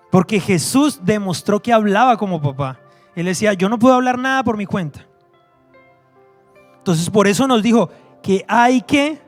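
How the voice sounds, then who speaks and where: A man preaching a sermon to his church, emphatic and repetitive, acting out quoted voices. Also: high-pitched. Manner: emphatic, repeats phrases, acts out quoted voices.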